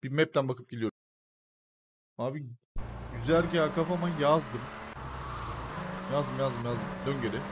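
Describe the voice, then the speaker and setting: A young man talks through his gameplay in a casual, excitable way, grumbling and swearing when things go wrong. His voice sits at an average pitch for a man. Loud traffic and street noise run constantly behind him. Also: unhurried, pauses often. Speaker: gameplay commentator. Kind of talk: casual let's-play commentary.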